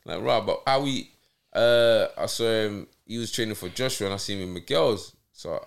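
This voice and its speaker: A man's voice: on the low side, moderate pace, vocal fry. A man with a South London accent in a casual interview, telling anecdotes in street slang. He keeps tagging his points to check he is understood. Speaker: interview guest, boxer.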